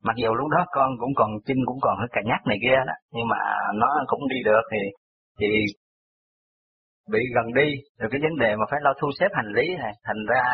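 A man with a Southern Vietnamese accent calling in to a radio show, recounting a personal story in rambling, detail-heavy fashion. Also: medium pitch. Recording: tinny phone line on radio.

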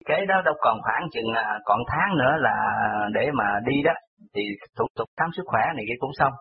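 Calling in to a radio show, a man with a Southern Vietnamese accent tells a personal story quickly and expressively, rambling and heaping on small details. His voice is at an ordinary middle pitch and arrives over a thin, tinny phone line.

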